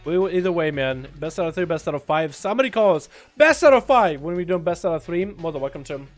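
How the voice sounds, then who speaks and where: A man with an American accent who speaks Russian hosts a livestream, casting game duels and chatting with viewers. His voice is on the high side and he talks fast, giving excitable play-by-play and shouting at big moments over soft background music.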